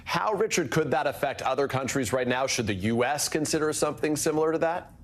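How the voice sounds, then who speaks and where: A man's voice: fairly high pitch, brisk. Man anchoring a news broadcast. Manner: smooth, scripted delivery.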